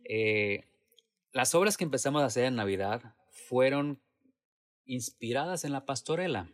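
A man's voice: mid-range voice, expressive, moderate pace. A man who works in theater answers interview questions in a reflective, hesitant way, with many restarts and fillers. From Latin America. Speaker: theater actor and producer.

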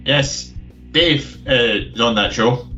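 A man's voice: mid-range voice, takes it slowly, sharp tone, highs cut off, faint music behind. A man talking casually as a panelist on a podcast. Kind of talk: casual chat.

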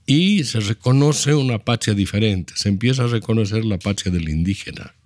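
Low-voiced bolivian guy in his 70s, slow lecturing way of explaining, dry close sound. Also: animated, a little mellow, dry recording. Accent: Bolivian Spanish. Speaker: interview guest, architect. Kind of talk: reflective storytelling.

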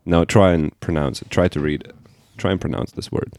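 A man co-hosting a podcast in casual, jokey, animated chat. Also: sits low, measured pace, no echo, clean studio sound. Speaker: podcast co-host.

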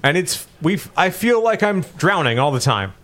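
A man's voice: high-pitched, sing-song, moderate pace, a bit bright. A married man from the United States co-hosting a podcast, talking candidly and poking fun at himself in casual chat. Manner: candid, self-deprecating, laughs often. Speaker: podcast co-host.

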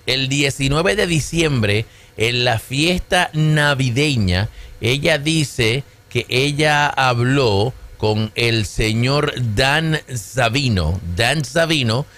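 A man hosts a political podcast. He comments in an animated, casual way, mixing Spanish and English, with a mid-range voice. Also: mid-range voice, slow pace. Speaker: podcast host.

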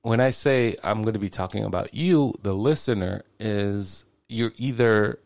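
A man's voice: lowish voice, measured pace, gravelly, darkish tone, no echo. A man in his late forties hosting his own podcast, talking alone in a rambling, casual way and swearing freely. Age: 40s. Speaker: podcast host. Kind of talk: casual solo podcast monologue.

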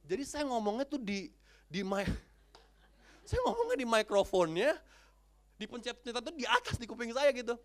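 Animated man preaching. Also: moderate pace. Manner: animated, code-switching, with big pitch swings and loud outbursts. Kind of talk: sermon with casual storytelling.

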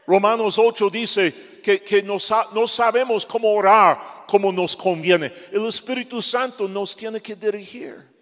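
Preacher: a man giving an emphatic sermon, slow and fairly high, with a long church echo. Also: fairly even intonation. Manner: emphatic, swings from loud to soft. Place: church hall.

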